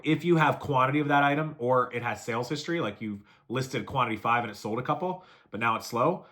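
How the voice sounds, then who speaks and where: Brief: man in mid pitch, rapid-fire coaching delivery, casual how-to video host. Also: fairly bright tone. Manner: brisk, coaching, lists steps and repeats them. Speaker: reseller giving selling tips. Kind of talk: fast casual how-to talk to camera.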